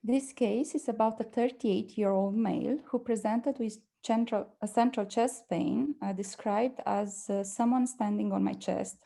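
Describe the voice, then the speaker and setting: A young woman from Romania, speaking with a Romanian accent. She presents a medical case carefully and hesitantly, with many fillers. Her voice is gravelly, dark and mellow. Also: on the high side, steady tone, a little slow, few pauses. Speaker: presenting doctor.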